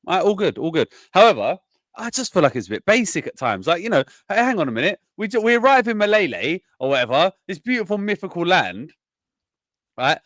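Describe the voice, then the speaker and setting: Man, tipsy, rambling, swears constantly, higher voice, dry close sound. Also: big pitch swings, a little fast, fairly bright tone, no echo. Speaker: podcast co-host. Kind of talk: casual film review chat.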